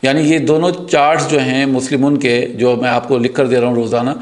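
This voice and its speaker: A man, teaching a grammar lesson patiently, repeating key terms slowly and checking in with his students. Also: mid-range voice, flat delivery.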